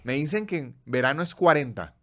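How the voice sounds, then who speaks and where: Un hombre venezolano con acento venezolano, presentador de podcast, contando datos en charla informal y pausada a ratos. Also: male voice, a little high, expressive. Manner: chatty storyteller, slows down to list facts. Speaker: podcast host. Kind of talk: casual chat.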